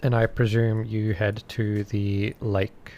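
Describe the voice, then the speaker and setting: A man casually narrating a tabletop game as game master, pausing often to think. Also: lowish voice, flat delivery, a little mellow, lo-fi sound, slight background noise.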